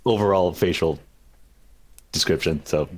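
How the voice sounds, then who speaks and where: A man's voice: low-pitched, brisk. A man playing a tabletop game, chatting casually and describing what his character does.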